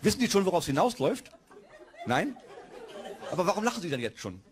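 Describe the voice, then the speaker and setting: A man's voice: high-pitched, sing-song, quick pace, some chatter behind. A man doing musical comedy, dryly teasing the audience between lines of his song.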